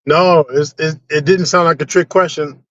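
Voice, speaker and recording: A man's voice: a little high, fairly even intonation, normal speed, a bit bright, lo-fi sound. A man joining a livestream as a guest over remote call-in audio, courteous and upbeat. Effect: remote call-in audio over a livestream link. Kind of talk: casual chat.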